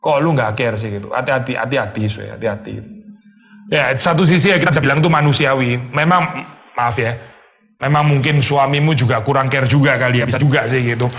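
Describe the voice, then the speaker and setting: Conversational preacher mixing in English phrases. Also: male voice, medium pitch, fast talker, a bit bright. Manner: acts out complaining voices. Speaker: pastor. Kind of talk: sermon.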